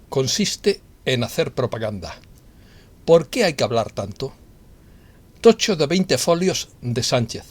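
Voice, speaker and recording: Spanish male commentator, scripted monologue, measured and aphoristic, voice a touch high. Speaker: opinion vlogger.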